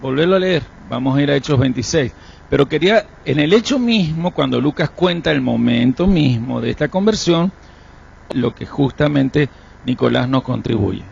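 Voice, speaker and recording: A man with a husky, heavily gravelly voice teaches scripture to a live-streamed class, explaining each point and checking in with his listeners. The audio is dull and lo-fi. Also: mid-range voice, expressive, moderate pace, a little mellow. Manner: explanatory, checks understanding with rhetorical questions. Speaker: Bible teacher.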